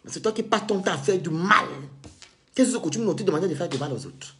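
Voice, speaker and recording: A man's voice: high voice, expressive, fast talker, a bit bright, faint music behind. A man from Cameroon, delivering an indignant, sarcastic monologue rant as a vlogger.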